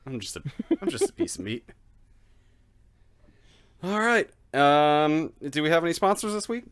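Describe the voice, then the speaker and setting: A man co-hosting a casual gaming podcast, animated and laughing often, with self-deprecating jokes. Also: fairly high pitch, unhurried, clear, resonant tone. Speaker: podcast co-host.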